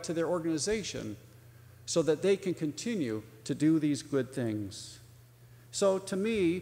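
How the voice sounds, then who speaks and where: A male pastor preaching a sermon, telling a story and voicing its people in a livelier tone. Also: on the high side. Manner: storytelling, acts out dialogue in a raised voice. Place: church sanctuary. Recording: long church reverb.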